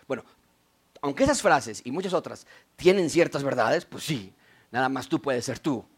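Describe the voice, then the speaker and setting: A man preaching a sermon as pastor, swinging between loud declarations and quiet asides. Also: medium pitch, animated, normal speed, husky. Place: church.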